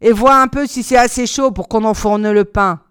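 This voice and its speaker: A woman voicing a cruel, greedy old witch in a storybook reading, shrill and bossy. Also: moderate pace, a bit bright, smooth, no echo, clean studio sound, close to an everyday voice. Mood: curt.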